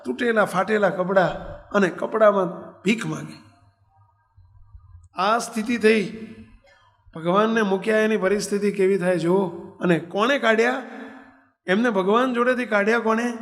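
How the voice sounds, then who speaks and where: A male preacher telling a story in a sermon, asking rhetorical questions of his listeners. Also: high-pitched. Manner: animated, rhetorical questions to the audience. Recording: long hall reverb.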